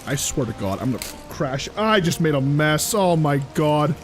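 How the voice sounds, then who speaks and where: Animated young man streaming a game. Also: fairly high pitch, moderate pace, soft background music, rough recording. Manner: animated, exasperated rambling with many fillers. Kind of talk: casual live-stream chat while playing.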